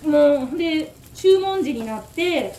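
She runs a takoyaki shop and hosts a radio talk, telling a story in Kansai-accented Japanese with lively, exasperated ranting. Her pitch is high and her pace slow, with slight background noise and a roomy echo. Faintly, takoyaki sizzle as they fry.

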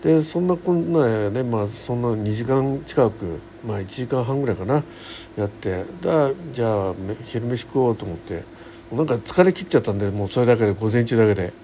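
A middle-aged man hosts a solo radio show, chatting casually in a colloquial, folksy way and rambling through daily-life anecdotes. His mid-range voice is dark in tone, with lively intonation and a slightly fast pace. Faint background noise is audible.

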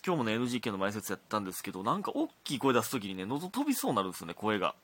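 A man in his thirties speaks in a Kansai accent, hosting a casual solo talk show and reading out listener letters. His voice sits low but swings widely in pitch, and a slight hoarseness runs through it. He laughs often and sometimes drops into muttered asides. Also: huge pitch swings, very fast, a bit bright. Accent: Kansai Japanese.

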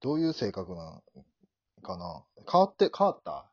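Lively young man with a Kansai accent. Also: moderate pace, husky, no echo, lo-fi sound. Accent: Kansai Japanese. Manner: animated, bursts into loud high shouted bits. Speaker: podcast host. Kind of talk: casual comedic chat.

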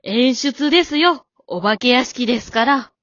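A woman's voice: a little high, animated, a little slow, a bit bright, dry recording. A woman voicing a stern, composed elderly wife in an amateur radio drama, polite and cool with a scolding edge. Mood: calm. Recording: dull dry lo-fi recording.

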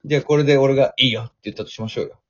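A man hosting a radio show, talking in a playful, excitable, teasing way. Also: mid-range voice, very fast, lo-fi sound. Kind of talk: casual radio banter.

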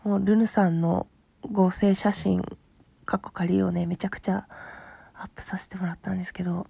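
A woman with a husky, rough morning voice, hoarse from sleep, chatting casually and politely as a podcast host replying to listener letters, often trailing into soft murmurs. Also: lowish voice, flat delivery, normal speed, dry recording. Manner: polite, appreciative. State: hoarse from having just woken up.

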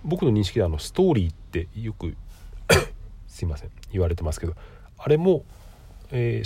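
His voice sits low, mellow and slightly rough, and a cold has made it nasal and stuffy. The middle-aged man hosts a casual solo podcast, explaining politely and pausing frequently with filler words.

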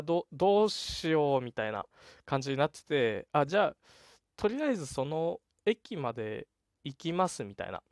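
A man's voice: medium pitch, clear, resonant tone, no echo, clean studio sound. Chatty young man telling a story. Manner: chatty, animated retelling with laughs and voiced quotes. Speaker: podcast host. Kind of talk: casual solo storytelling.

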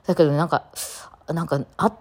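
A woman's voice: low-pitched, steady tone, fast, darkish tone. A woman with a Kansai accent hosting a casual solo talk show, rambling chattily and laughing often between many fillers. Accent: Kansai Japanese. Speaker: podcast host.

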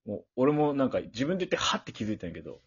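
A man's voice: mid-range voice, very fast, slightly rough. A young man with a Fukuoka Hakata accent, joking and telling stories in a casual podcast chat. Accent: Hakata dialect of Fukuoka. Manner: joking, animated storytelling. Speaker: podcast co-host. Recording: dull lo-fi audio.

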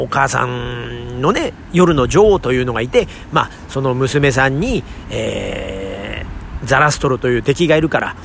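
A man's voice: mid-range voice, creaky, fairly bright tone. A man hosting his own talk show, chatting politely with many fillers, recorded outdoors near a station. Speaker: podcast host. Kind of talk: casual solo talk. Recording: faint street noise outdoors.

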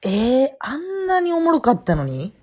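A young woman with a Kansai accent chatting casually on a podcast from her family home over a remote call, teasing her co-host in quick banter. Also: sits high, wildly swooping pitch, a little mellow. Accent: Kansai Japanese. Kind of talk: casual chat. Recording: dull lo-fi audio.

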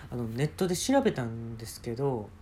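A man's voice: mid-range voice, very animated, a little fast, dark tone, slight background noise. A man with a Kansai accent, hosting solo and telling a comic story in a casual, conversational way, acting out bits of dialogue. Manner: conversational, acts out quoted dialogue. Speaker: solo podcast host. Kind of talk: casual comedic storytelling monologue.

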